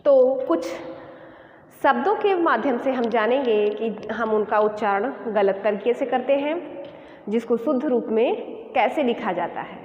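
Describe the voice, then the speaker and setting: A woman teacher giving a spelling lesson, talking slowly and deliberately and repeating each word for emphasis. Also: on the high side, lively intonation, a little mellow, muffled recording. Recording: echoey room with long reverb, faint noise.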